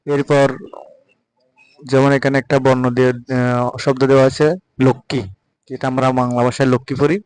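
A man with a Bengali accent giving a patient spoken pronunciation lesson, repeating example words slowly. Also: mid-range voice, little pitch movement, darkish tone, clear, resonant tone, poor audio. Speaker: Sanskrit recitation teacher.

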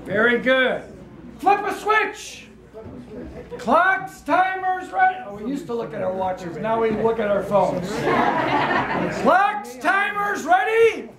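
A man's voice: very high voice, very animated, takes it slowly. An older man, a performance poet, chanting and leading a crowd in call-and-response in a gallery room, recorded by a far camera. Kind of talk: interactive spoken-word performance. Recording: echoey room, crowd noise.

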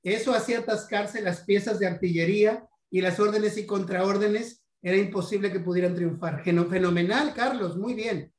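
A man's voice: high voice, fairly even intonation. A Mexican man giving a history lecture about coins, stumbling over repeated words and fillers. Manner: halting, many repeats and "este" fillers. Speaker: guest numismatics lecturer. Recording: roomy echo.

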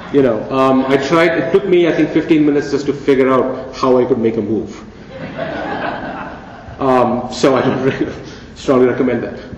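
A man with a medium-pitched, darkish voice delivers a conference keynote, chatty and playful, leaning on rhetorical questions. The sound, recorded from a distance in a large hall, is dull and echoey with a faint hiss or hum.

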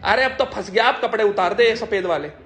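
A man's voice: high-pitched, brisk, background noise. A man, recording himself on his phone indoors and giving aggressive, commanding orders through heavy swearing. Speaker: vlogger livestreaming a confrontation. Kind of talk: live-streamed confrontation. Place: indoors in a locked house.

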